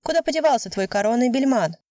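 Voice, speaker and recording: A woman's voice: fairly high pitch, animated, fast talker, dark tone, dry recording, clean studio sound, pitched above the performer's own voice, close to an everyday voice. Woman putting on a brash pushy young woman. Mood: needling. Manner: blunt, insistent, slangy.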